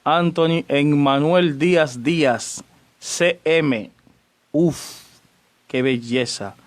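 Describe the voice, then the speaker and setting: Priest doing a radio doctrine show, kinda high voice, chatty, greets folks by name. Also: male voice, extremely slow. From Dominican Republic. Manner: chatty, greets listeners by name between points. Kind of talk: radio teaching on church doctrine.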